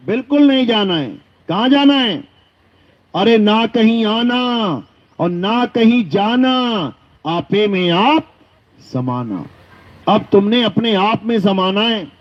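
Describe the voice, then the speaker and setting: Man, high voice, devotional discourse, chants verses slowly then explains, dull lo-fi sound. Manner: chants verses in a drawn-out sing-song, then explains plainly. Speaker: spiritual teacher. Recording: dull lo-fi recording.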